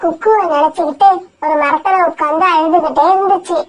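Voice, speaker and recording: A woman narrating a children's cartoon story in an animated storytelling manner. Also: very high voice, brisk.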